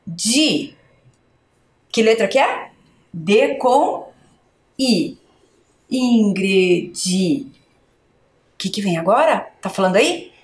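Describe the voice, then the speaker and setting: A woman teacher slowly sounding out syllables and letters for young children in a spelling lesson. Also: fairly high pitch, big pitch swings. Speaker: schoolteacher. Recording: echoey room.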